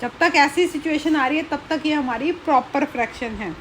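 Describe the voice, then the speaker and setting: A woman's voice: sits high, moderate pace, slight background noise, rough recording. A woman teaching a school math lesson, explaining patiently, checking in often and counting items aloud one by one.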